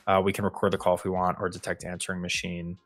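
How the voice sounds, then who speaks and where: Deep-voiced guy on a dev stream, laid back, muttering thru his build step by step. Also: fast. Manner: thinks aloud while building, relaxed and meandering. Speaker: co-host building a coding demo. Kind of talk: casual live-stream walkthrough.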